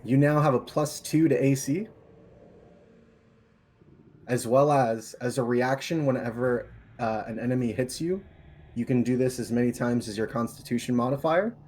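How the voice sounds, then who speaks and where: A man running a tabletop game as game master, narrating in a slow, measured, descriptive way over a home microphone. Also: medium pitch, a little mellow.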